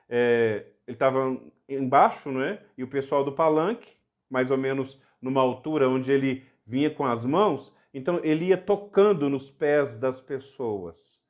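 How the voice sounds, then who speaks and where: A middle-aged Brazilian man, a bishop, giving an earnest personal testimony on a church podcast that turns fervent when he tells of miracles. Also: on the high side. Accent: Brazilian Portuguese. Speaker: bishop, guest.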